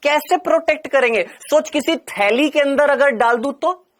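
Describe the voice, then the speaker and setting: A man's voice: very high voice, moderate pace, fairly bright tone. A male biology teacher giving an exam-prep lecture. He asks and answers his own questions and teases his students in a playful, scolding way. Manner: addresses the student as "my brother".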